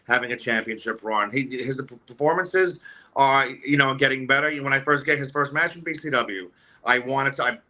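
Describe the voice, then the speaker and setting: A man with a sharp, bright tone talks as a guest on a radio show. He rambles, restarts his sentences, and leans on "you know" as he praises and sizes up wrestlers. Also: medium pitch. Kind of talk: casual interview talk. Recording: remote call audio.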